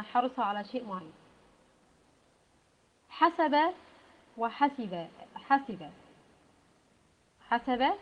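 An Egyptian woman giving a methodical Arabic lesson, explaining word pairs and often pausing on "aah". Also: fairly high pitch. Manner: methodical, with frequent "aah" fillers. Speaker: Arabic language teacher. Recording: dull lo-fi sound.

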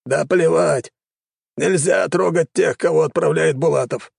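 A man voicing an excitable, scheming male gnome king in an audiobook, exclaiming theatrically. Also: on the high side, a little slow, vocal fry, breathy edge, no room sound, clean studio sound, pitched above the performer's own voice, heavily acted. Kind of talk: audiobook character voice.

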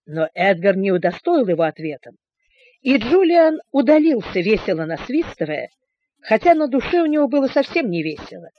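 A woman reading a children's adventure story aloud in steady scripted narration. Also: mid-range voice, moderate pace, no room sound. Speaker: audiobook narrator. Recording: dull, dry recording.

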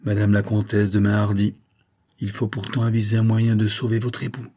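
A man's voice: fairly low pitch, completely flat delivery, brisk, dark tone, natural voice. A man reading as an emotional old general. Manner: exclaiming, tremulous.

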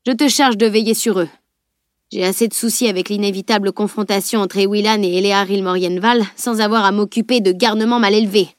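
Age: adult. Figure: a woman voicing a pompous scolding master. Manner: loud, raised, haughty. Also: mid-range voice, steady tone, a little fast, dry recording, clean studio sound, lightly acted. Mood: commanding. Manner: haughty, lecturing. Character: pompous fussy male analyst, stiff and scolding.

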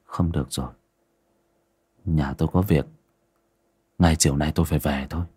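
A man voicing a dazed, frightened older man who speaks low and hushed. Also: fairly even intonation, normal speed, slightly rough. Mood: shaken. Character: dazed, frightened old man, quiet and shaken.

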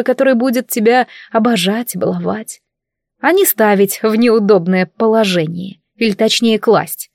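A woman narrating a fantasy novel in first person, with an ironic, lively telling. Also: medium pitch, no room sound, studio quality. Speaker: audiobook reader. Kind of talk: scripted narration.

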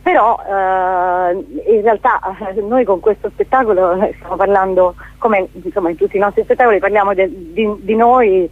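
Calling in to a radio station by telephone, a woman gives a spontaneous interview as a theatre guest. She's hesitant, often repeating words while searching for the next one, yet speaks at normal speed with few pauses. Her medium-pitched voice is dry, carried over a tinny, narrow phone line.

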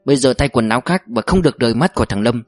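A man's voice: medium pitch, expressive, racing, no room sound, soft background music, close to an everyday voice. Man doing a firm older bank official, commanding, dry studio read. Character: older male bank assistant, calculating.

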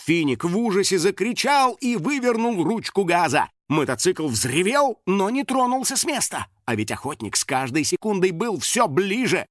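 A man narrating a children's audiobook in an expressive, storytelling manner, recorded close to the microphone. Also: high-pitched, moderate pace, hardly any pauses, no room sound.

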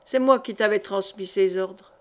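A woman's voice: mid-range voice, moderate pace, lightly acted. A woman reading aloud and voicing a stern male peasant leader who reproaches a follower.

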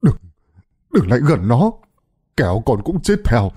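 A man's voice: mid-range voice, very animated, a little slow, warm tone, slightly rough, full character voice. A man voicing a drunk, cruel, superstitious middle-aged father who rants with slurred scorn in an audio story. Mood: drunken ranting.

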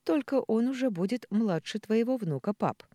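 A cheeky young pregnant woman, voiced by an audiobook reader, chatty and teasing. Her voice swings up and down a lot, with a mellow tone. The sound is close and dry. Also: medium pitch, lively intonation, normal speed, no room sound, voice pushed up, natural voice.

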